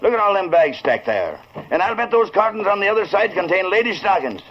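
An actor playing a tough, blunt police sergeant in a 1940s radio drama, giving gruff orders in slangy cop talk. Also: male voice, sits high, very animated, fairly quick. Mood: gruff, bullying. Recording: noisy, muffled old radio recording.

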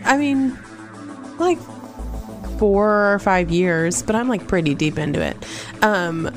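A bubbly woman guest on a casual podcast. She fills her talk with "like" and laughs often. Her pitch is mid-range, with faint music behind her. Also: lively intonation, slow.

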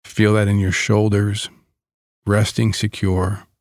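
Very slow, calm man guiding meditation. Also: on the low side, dry recording, studio quality. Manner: calm, soothing, gentle delivery with long pauses. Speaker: guided meditation leader.

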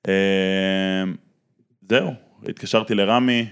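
A young man with a lowish voice, a guest on a casual podcast. He tells his own story step by step in plain, relaxed speech. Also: clear, resonant tone.

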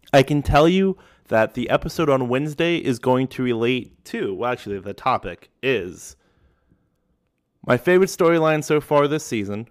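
A young man hosting his podcast while sick, with a grainy, scratchy, hoarse voice and a rambling, self-deprecating way of talking. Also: mid-range voice, no echo, clean studio sound. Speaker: podcast host. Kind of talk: casual solo podcast talk.

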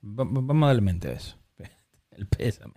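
A man's voice: fairly low pitch, expressive, normal speed, warm tone. A man in casual conversation who makes his points emphatically, asks questions, and repeats himself for stress. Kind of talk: casual chat.

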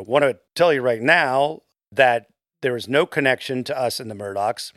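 A man's voice: medium pitch, no room sound, studio quality. A man hosting a casual podcast and reading listener comments aloud. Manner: reads listener comments aloud, defensive but even. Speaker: podcast host.

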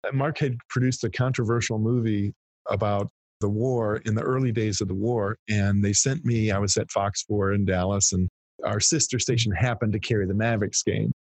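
A lively, husky man in his fifties spins an anecdote for an interview host, his low voice a little breathy and recorded close and dry. He restarts phrases and doubles up his words as the story builds. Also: moderate pace, no room sound. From Texas, US. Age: 50s. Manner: animated storyteller, repeats words when starting phrases. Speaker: guest, PR firm founder.

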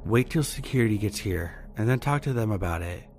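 A man reading a horror story voices a firm, protective janitor speaking in a hushed tone. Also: lowish voice, expressive, brisk.

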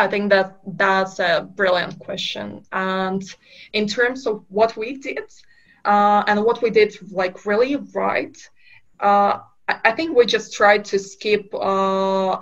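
Hesitant woman from Kazakhstan, lo-fi audio. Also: mid-range voice. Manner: hesitant, many fillers and restarts. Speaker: startup co-founder, guest. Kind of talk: casual interview answers.

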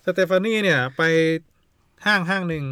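A man co-hosting a casual podcast in a playful, lively way. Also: sits high, moderate pace, no echo, clean studio sound. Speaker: podcast co-host. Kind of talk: casual chat.

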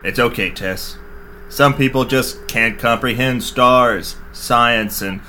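A performer voicing a cocky, hardboiled space detective with gruff 1940s tough-guy wisecracks. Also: medium pitch, slow pace, sharp tone, a little hiss or hum. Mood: wisecracking. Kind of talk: parody radio-play acting. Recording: music bed under voice.

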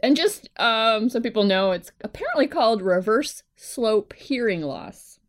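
A woman's voice: fairly high pitch, sing-song, unhurried. A woman co-hosting a podcast in casual chat, with a wry, informal manner. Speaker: podcast co-host.

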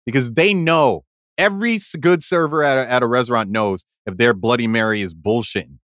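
A man's voice: mid-range voice, brisk, dry recording, studio quality. A man co-hosting a podcast in casual chat, telling stories with lots of laughter and repeated words. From Haiti. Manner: animated storyteller, laughs often, repeats words. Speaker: podcast co-host.

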